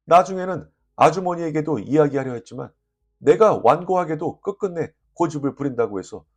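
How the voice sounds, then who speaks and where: Expressive male audiobook narrator. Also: a little high, fairly quick, slightly rough. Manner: lively, expressive reading with voiced dialogue. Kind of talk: storytelling audiobook reading.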